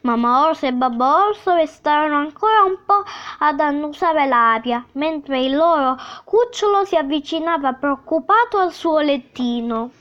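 A woman reading a children's story aloud in a gentle, expressive way, on a dull lo-fi recording. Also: high-pitched, moderate pace.

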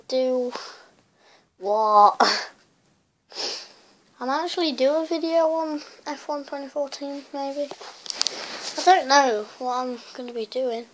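A woman YouTuber chatting casually in a rambling, self-mocking way as she looks back at her old videos. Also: sits high. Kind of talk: casual vlog commentary.

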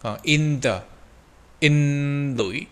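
A man teaching English pronunciation, drawing out slow model phrases between quick explanations. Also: on the high side, fairly bright tone. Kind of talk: pronunciation lesson.

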